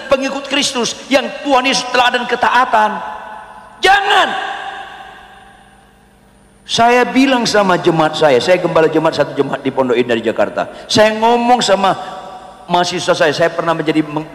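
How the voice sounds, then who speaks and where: A male pastor preaches in an animated, emphatic way, his voice high and swinging widely. It rings through a large church hall with a long reverb. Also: a little fast, creaky. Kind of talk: sermon.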